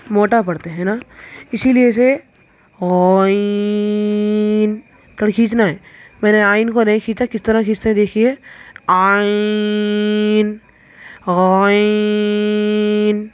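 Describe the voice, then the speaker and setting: A woman's voice: medium pitch, no room sound. A woman teaching the Arabic alphabet, drawing out each letter sound between short explanations. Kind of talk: slow recitation lesson. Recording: tinny phone-like recording.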